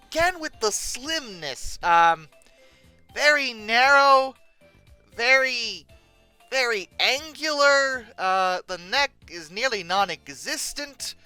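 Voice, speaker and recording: With a bright, forceful, clean voice of medium pitch, a YouTube host jokes unscripted about pictures, stammering and hesitating and erupting in theatrical exasperation.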